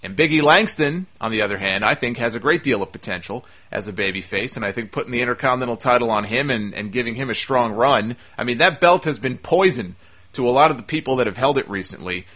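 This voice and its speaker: Bright-voiced man hosting a wrestling podcast. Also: medium pitch, expressive, fast talker. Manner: opinionated, conversational. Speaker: podcast host. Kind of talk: solo wrestling commentary podcast.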